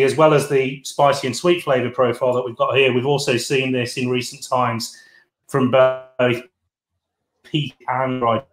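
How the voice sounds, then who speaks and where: A man talking casually on a video call whose sound keeps breaking up, speaking haltingly with restarts and fillers. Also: medium pitch. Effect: breaking-up, dropping video-call audio. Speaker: guest speaker at a virtual tasting. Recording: roomy video-call audio that keeps cutting out.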